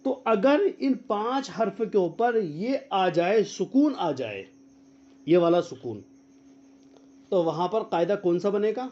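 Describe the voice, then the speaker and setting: High, lively man teaching online. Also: lo-fi sound. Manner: quizzes students and repeats their answers; spells out letters slowly, drilling. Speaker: Quran teacher. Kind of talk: online tajweed lesson. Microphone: video call.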